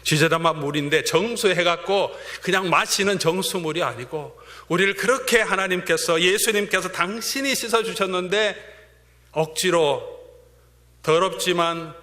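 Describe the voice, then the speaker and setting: A male pastor preaching a sermon, swinging between fervent emphasis and hushed whispers. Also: high voice, moderate pace. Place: church sanctuary. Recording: long church-hall reverb.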